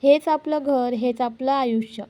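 A cheerful, hopeful young wife voiced by a woman speaks eagerly in a high, mellow tone. The lines are delivered in the reader's near-plain narration voice. The recording is close and dry. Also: fairly even intonation, unhurried, no echo. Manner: eager, upbeat.

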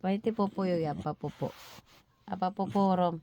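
A woman's voice: fairly low pitch, fairly even intonation, moderate pace, noisy background. A woman chatting playfully with her pets at home in a casual home video, often laughing.

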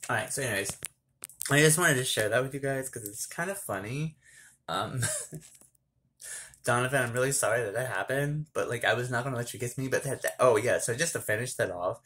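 A man records a casual storytime vlog in a small bathroom. He rambles, restarts his sentences and giggles through the telling. His voice sits at an ordinary middle pitch for a man. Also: bright, forceful tone. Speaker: vlogger.

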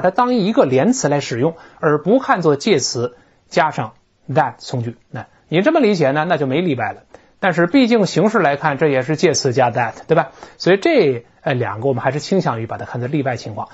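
A teacher giving a recorded grammar lecture, animated and explanatory, drawing words out slowly to model how they sound. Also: medium pitch, husky. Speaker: English teacher. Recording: dull lo-fi recording.

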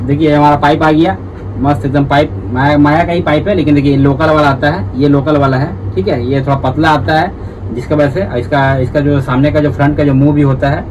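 A man's voice: on the high side, steady tone, fairly quick. Chatty man demonstrating a hookah setup. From India. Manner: repetitive, chatty, addresses viewers as brothers. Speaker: hookah tutorial host. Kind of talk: casual how-to demonstration. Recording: distant, dull audio with background noise.

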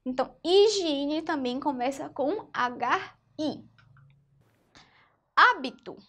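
A woman's voice: sits high, animated, takes it slowly, fairly bright tone. A woman teaching a phonics lesson to young children in Brazilian Portuguese. She is patient and keeps asking the class if they follow. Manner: patient, checks in with "tá vendo?" and "certinho?". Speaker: primary school teacher.

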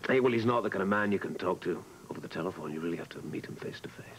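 A man's voice: low voice, racing, a little hiss or hum, close to an everyday voice, poor audio. A man acting in a daytime soap opera as a husband and club owner who sounds defensive, evasive and pleading.

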